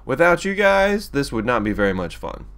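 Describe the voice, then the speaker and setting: A man's voice: medium pitch, big pitch swings, moderate pace, fairly bright tone. A man hosting a let's play who gives casual, rambling commentary as he flies, with frequent restarts and chuckles.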